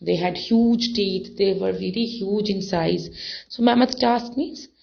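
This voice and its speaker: A woman teaching an English textbook lesson, reading passages aloud and explaining words slowly, with many fillers and repetitions. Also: mid-range voice, gravelly. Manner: slow, repeats and defines words, many fillers. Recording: dull lo-fi recording.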